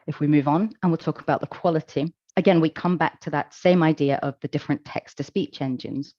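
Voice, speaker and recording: A woman giving a conference presentation, explaining in a measured, calm way with occasional fillers. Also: deep voice, no echo, muffled recording. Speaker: conference speaker. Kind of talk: presentation talk.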